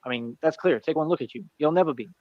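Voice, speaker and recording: A man's voice: a little high, fast talker, dull audio. A man in his thirties bragging and taunting in brash, repetitive trash talk. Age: 30s. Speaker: streamer in a played clip.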